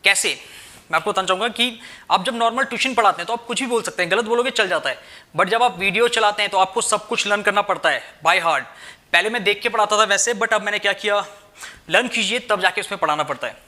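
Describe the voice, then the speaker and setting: Bright-voiced young male chemistry teacher. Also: high-pitched, quick pace. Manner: repeats "theek hai" and asks rhetorical questions; addresses students as "bhai". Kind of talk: explaining at a whiteboard, Hindi-English mix.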